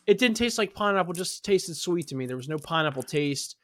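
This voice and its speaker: A man's voice: a little high, expressive, brisk, a bit bright. A man chatting casually on a podcast, rambling and repeating himself as he talks about losing his sense of smell. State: recovering from covid, no smell. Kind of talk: casual chat.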